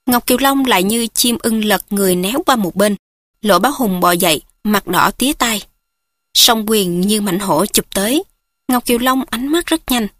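A woman narrating a martial arts novel in a steady, measured reading. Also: mid-range voice, no echo, clean studio sound.

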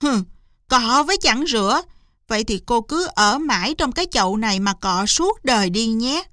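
A woman voicing a loyal little brown squirrel who calls out shrill and urgent in a storybook tale. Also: slow, fairly bright tone, no echo, clean studio sound. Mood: indignant.

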